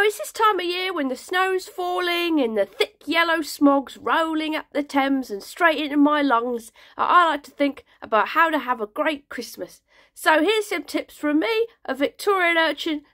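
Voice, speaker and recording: High, chirpy Victorian street urchin, grim jokes told brightly, played by a woman, close dry sound. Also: no room sound, heavily acted. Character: cheerful grimy Victorian urchin girl, chirpy and morbid. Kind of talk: comic sketch monologue.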